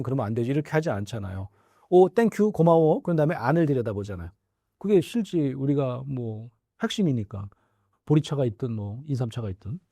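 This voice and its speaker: A man's voice: mid-range voice, no echo. Middle-aged prof guy explaining stuff, swoops up and down a lot, dry close sound. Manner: lively, acts out quoted dialogue, frequent affirming fillers. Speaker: professor guest. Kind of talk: conversational interview explanation.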